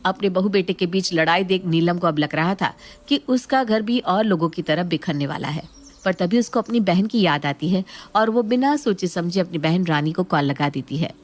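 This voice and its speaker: A woman narrating a scripted cartoon story for children in a lively, expressive way. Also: fairly low pitch, normal speed.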